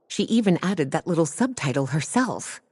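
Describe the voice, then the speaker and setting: A woman playing a poised, knowing and gently teasing young librarian of magic in a video game. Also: low-pitched, very animated, moderate pace, slightly rough, no echo, clean studio sound, exaggerated voice. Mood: composed, knowing. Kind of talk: video game character acting.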